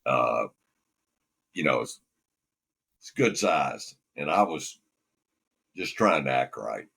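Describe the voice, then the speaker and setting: A man's voice: very deep voice, big pitch swings, takes it slowly, creaky, fairly bright tone, slightly rough. An older man from Alabama, a former golfer telling rambling, folksy stories as a podcast guest. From Alabama, USA. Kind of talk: anecdotal storytelling.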